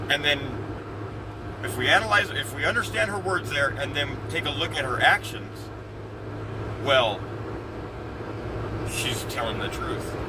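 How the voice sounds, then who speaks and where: A man hosting a livestream, giving heated reaction commentary, swearing and repeating himself. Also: medium pitch. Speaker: livestream host. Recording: distant mic with loud traffic noise.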